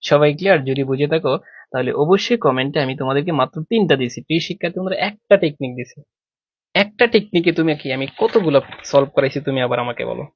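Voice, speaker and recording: A man's voice: on the high side, animated, fast, dry recording. A male teacher giving an online grammar lesson, often asking students whether they follow. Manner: drills students with repeated questions. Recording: dull lo-fi sound.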